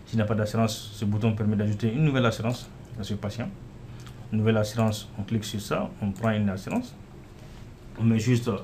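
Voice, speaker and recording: Low-voiced man walking through software. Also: a little hiss or hum. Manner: casual, repeats "voilà" and "euh" while clicking through. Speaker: software developer demonstrating his app. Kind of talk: screen-recorded software walkthrough.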